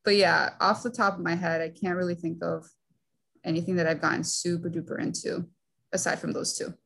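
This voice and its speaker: A woman's voice: fairly low pitch, flat delivery, fairly quick, vocal fry, fairly bright tone. A young woman from the Northeastern US, chatting and giggling as a podcast guest, saying "like" often. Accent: Northeastern American. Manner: giggly, talkative, uses "like" a lot. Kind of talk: casual interview chat.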